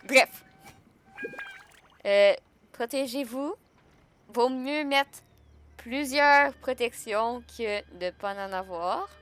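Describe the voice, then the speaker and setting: A woman's voice: a little high, drawn-out words, pauses often, a bit bright. A young woman with a Québécois French accent chatting casually on a live stream, joking and answering her chat.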